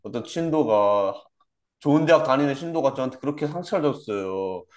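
A man's voice: medium pitch, animated, fairly quick. A young man giving a personal testimony in a conversation, repeating himself and trailing off with many fillers. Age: young adult. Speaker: guest, former church member.

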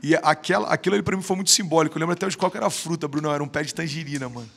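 Racing through his words, a man with a slightly high, gravelly, a bit bright voice and a breathy edge tells stories as a podcast guest. He's in his thirties and has a Brazilian Portuguese accent. In the casual chat he's slangy and emphatic, leaning on "mano" over and over.

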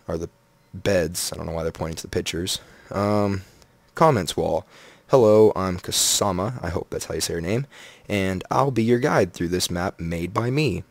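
A man's voice: low voice, no echo. A man giving casual, joking commentary as he plays through a game and reads its signs aloud. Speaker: Minecraft let's player.

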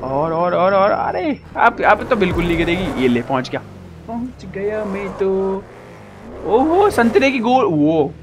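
A man giving excited live commentary on a racing game, shouting at the game and joking with his viewers. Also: high-pitched, unhurried, noisy background. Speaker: gaming YouTuber.

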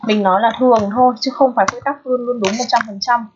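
A woman teaching an English pronunciation lesson. She explains patiently and keeps checking in with her students through quick questions. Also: on the high side, fairly even intonation, darkish tone, a little hiss or hum. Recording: dull lo-fi recording.

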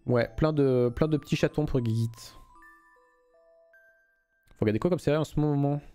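A man's voice: a little high, normal speed, warm tone, smooth, faint music behind. A young man streaming a game live, reading the story aloud and chatting loosely with viewers, swearing freely.

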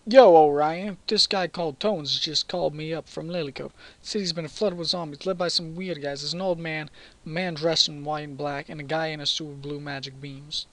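A man voicing an excitable male professor who calls on the phone, using a put-on accent and an urgent delivery. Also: high-pitched, unhurried, few pauses, voice pushed up.

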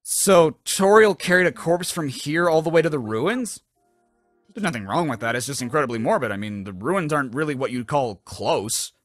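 Man, sarcastic nitpicker, animated intonation, higher-than-average voice, scripted critique. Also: moderate pace, faint music behind. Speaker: game critic narrator. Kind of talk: scripted snarky commentary.

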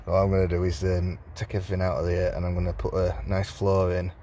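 Low-voiced guy filming his garden plot on a phone, chatty, rambling, faint outdoor noise behind. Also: monotone, fast, mellow. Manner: chatty, rambling, chuckles often. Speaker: allotment vlogger. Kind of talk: casual walking tour commentary. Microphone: handheld phone camera.

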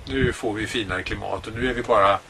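A man's voice: lowish voice, fairly even intonation. A man in his sixties from Sweden, narrating his sailing trip in a chatty, explanatory way, outdoors on a boat. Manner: chatty, explains at length with fillers. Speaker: sailing vlogger. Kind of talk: casual travel narration. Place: outdoors on a sailboat and shore. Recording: outdoor noise on camera mic.

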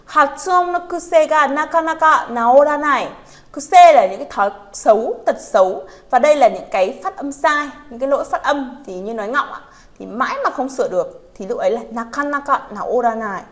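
Slightly high-voiced woman teaching vocabulary. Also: animated. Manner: reads example sentences slowly, then explains them; often asks "right?" to check in with learners. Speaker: Japanese teacher. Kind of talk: vocabulary lesson.

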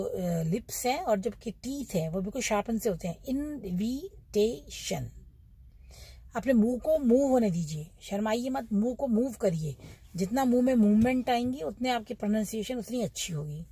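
A middle-aged Indian-accented woman teaches English pronunciation, drawing each model word out slowly and saying it again and again. Her voice sits a little high but sounds mellow and quite husky. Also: no room sound. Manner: slow, drawn-out model words, repeated for practice. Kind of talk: pronunciation lesson.

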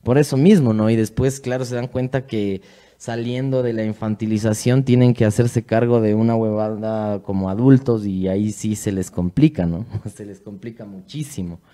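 A man's voice: on the low side, steady tone, moderate pace, mellow. A man with an Ecuadorian Spanish accent co-hosting a podcast, reading numbered points and then commenting loosely. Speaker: podcast co-host. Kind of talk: casual discussion, reading points aloud.

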